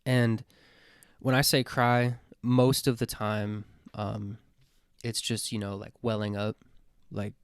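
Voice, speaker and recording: Speaking slowly in a fairly low, smooth voice with a flat delivery, this man works through his own question list as a vlogger. His sincere, casual musing is rambling and hesitant, packed with fillers and restarts plus the occasional swear word. The sound is dry and studio quality.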